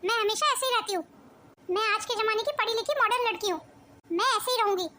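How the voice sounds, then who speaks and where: A woman's voice: extremely high pitch, fast. A woman playing a defiant young daughter-in-law. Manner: retorting, defiant. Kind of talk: family melodrama acting. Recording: loud background noise.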